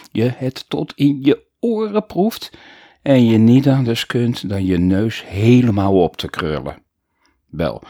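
A man narrating a children's storybook in a playful, animated way. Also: medium pitch, husky, no echo, studio quality. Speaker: audiobook narrator.

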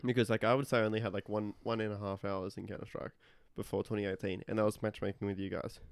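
A man's voice: lowish voice, little pitch movement, fast talker, vocal fry, no echo, clean studio sound. A young man chatting casually about competitive gaming, brash and boastful, swearing freely. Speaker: competitive gamer. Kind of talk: casual chat.

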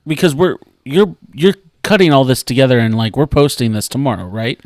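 A man's voice: medium pitch, expressive, a little fast, no room sound, clean studio sound. A man co-hosting a casual fitness podcast, easygoing, reading out trivia questions in earnest. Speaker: podcast co-host running a trivia segment. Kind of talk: casual chat.

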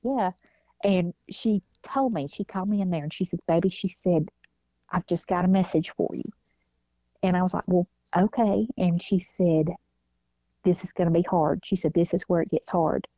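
A woman talks through a personal story in an easy interview, slipping into the voices of people she quotes. Her voice sits low and mellow. The recording is dull and lo-fi, with a dry, close sound. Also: moderate pace, dry recording. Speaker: guest, mother. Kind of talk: casual interview talk.

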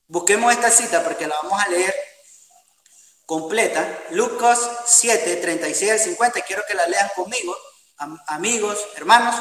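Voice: medium pitch, fairly bright tone, recorded from a distance. Preacher in an echoey hall. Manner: earnest, addresses congregation as beloved brothers and friends. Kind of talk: sermon. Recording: roomy hall, voice from afar.

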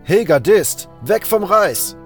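A man voicing a bossy male overseer who yells orders at a stranger near the rice fields. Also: mid-range voice, steady tone, slow pace, gravelly, soft background music, pitched above the performer's own voice. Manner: shouting, domineering.

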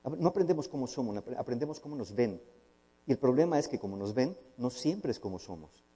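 A man's voice: mid-range voice, animated, fast talker, mellow, husky. A man, a therapist giving a humorous, conversational talk to a live audience and acting out bits of dialogue. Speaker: therapist and speaker. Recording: long hall reverb.

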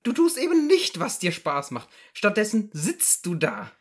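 A woman voicing a fussy, reproachful middle-aged housewife in a comedy sketch, speaking in a high, insistent, scolding voice. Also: huge pitch swings, a little slow. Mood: nagging.

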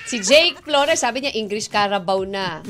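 A woman's voice: medium pitch, animated, moderate pace, music in the background. A woman co-hosting a radio show, teasing her partner and reading listener messages aloud. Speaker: radio DJ co-host. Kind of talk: playful radio banter.

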